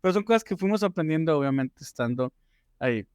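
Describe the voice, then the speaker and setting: A man's voice: fairly high pitch, lively intonation, fast, darkish tone, clean tone, no echo, clean studio sound. A man hosting a casual interview, chatting with the guest and asking questions in a friendly way. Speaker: interview host.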